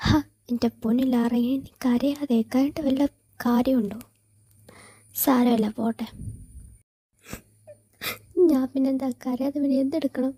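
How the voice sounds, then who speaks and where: A woman voicing two young women friends, one tearful, in an amateur audio drama, talking in hushed half-whispers. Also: high-pitched, steady tone, unhurried, pauses often, breathy edge, dry recording.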